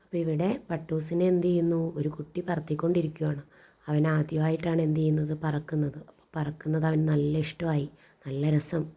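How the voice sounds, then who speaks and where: A woman's voice: sits low, flat delivery, a little fast, vocal fry, warm tone, breathy edge. A woman teacher reading a story to children and explaining it, asking questions and answering them herself. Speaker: primary school teacher.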